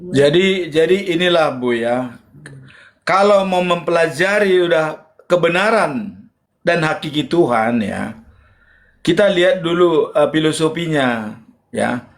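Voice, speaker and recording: Man, fairly high voice, conciliatory, rambling, heated debate. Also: animated, measured pace, pauses often. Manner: conciliatory, rambling explanations with many fillers.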